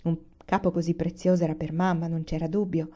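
A woman reading a novel aloud in an expressive storytelling manner. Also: fairly low pitch, fairly quick, muffled recording. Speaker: reader. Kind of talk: audiobook reading.

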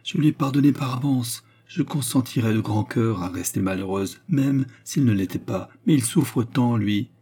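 A male reader voicing a gentle, despairing young woman who pleads and tells of her grief through tears. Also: medium pitch, normal speed, hardly any pauses, husky, natural voice. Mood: anguished. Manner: pleading, tearful.

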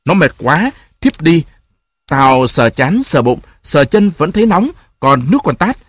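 A man's voice: on the high side, very animated, unhurried, breathy edge, dry recording, studio quality, pitched above the performer's own voice, heavily acted. A man voicing a stern older village woman who snaps and scolds. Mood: scolding. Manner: snapping, scolding.

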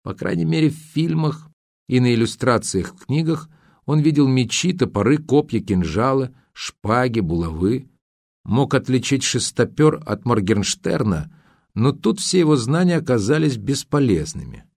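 A man's voice: mid-range voice, expressive, normal speed, vocal fry, a little mellow, no echo, studio quality. A man narrating an audiobook in a dramatic reading style, acting out the dialogue. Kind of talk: scripted narration.

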